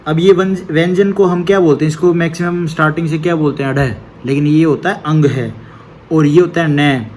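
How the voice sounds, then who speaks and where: A man with a somewhat high voice teaches an exam-prep grammar lesson. He explains patiently, step by step, asks a question and answers it himself, and checks each point with a quick "okay". A faint noise sits under his voice. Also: steady tone, darkish tone.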